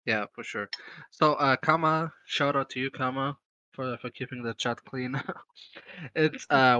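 Bright-voiced man hosting a crypto AMA. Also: medium pitch, dry recording, low-quality recording. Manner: reads out questions, thanks the community. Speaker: AMA host.

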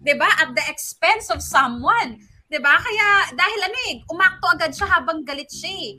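A woman's voice: extremely high pitch, expressive, normal speed, noisy background. A woman co-hosting an advice talk show, speaking earnestly in a mix of Tagalog and English and often checking in with tag questions. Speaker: radio advice host.

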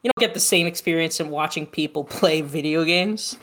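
A man's voice: on the high side, brisk, fairly bright tone. A young man co-hosting a casual gaming podcast, teasing and opinionated, with hesitant restarts. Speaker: podcast co-host. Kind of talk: casual gaming news chat.

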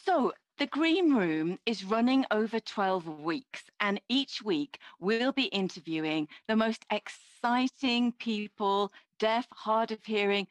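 A woman in her fifties interprets live from home, seated before a plain screen, voicing a deaf host's signed introduction aloud in the first person. She speaks in a measured, steady way with small restarts. Her voice is mid-range, and the recording is dry and rough.

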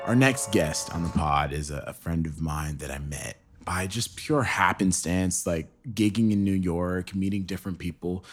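A man's voice: sits low, a bit bright. A man hosting a podcast, introducing a guest in a rambling, laid-back way with plenty of fillers. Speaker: podcast host. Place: home with a dog nearby.

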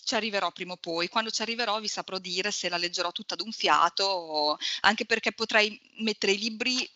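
A woman in her forties co-hosts a podcast in a chatty, self-mocking way. Her voice is bright and mid-pitched. The sound is a dry but dull, lo-fi, low-quality stream. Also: no room sound. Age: 40s. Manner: chatty, self-deprecating, laughs often. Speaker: podcast co-host. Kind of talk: casual chat about books. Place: remote call recording, no studio.

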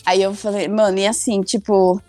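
A woman's voice: mid-range voice, moderate pace, no room sound, soft background music. A young woman tells a funny story casually, acting out her own lines. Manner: animated, acts out her own past lines.

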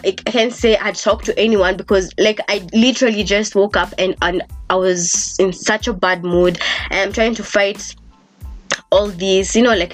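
A young woman hosting a casual solo podcast, talking in a chatty, animated way and swearing freely. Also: mid-range voice. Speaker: podcast host.

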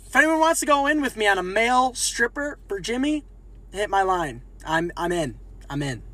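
A man's voice: high voice, lively intonation, moderate pace, a bit bright. A young man co-hosting a podcast, joking around and laughing through crude banter. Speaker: podcast co-host. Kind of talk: casual chat.

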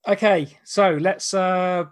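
Higher-voiced man hosting a casual podcast. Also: level tone, slow, clean tone. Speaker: podcast host. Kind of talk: casual watch-along chat.

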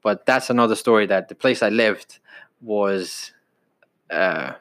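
A man in his twenties from Denmark, telling stories in a relaxed, casual podcast chat with some restarts. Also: on the low side, a little slow. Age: 20s. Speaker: podcast co-host.

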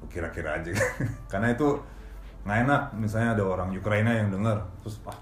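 Man, news anchor, very low voice, casual slang with English phrases, roomy echo, faint music behind. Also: fast talker. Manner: casual slang, mixes English, laughs often. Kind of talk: casual podcast interview.

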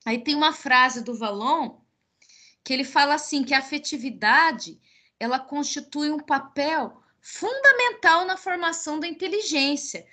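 A woman's voice: high voice, bright, forceful tone. A woman from Paraná with a Minas Gerais touch in her Brazilian Portuguese, a teacher hosting an educational podcast in a reflective way with frequent restarts. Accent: Brazilian Portuguese with Minas Gerais traits. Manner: reflective, speaks in repeated restarts. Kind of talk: casual educational podcast chat.

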